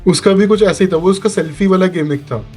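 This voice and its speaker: A man trading jokey banter as co-host of a casual wrestling review, now and then switching into English phrases. His voice sits a little high. Faint music plays softly behind him. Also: fast, breathy edge. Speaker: podcast co-host.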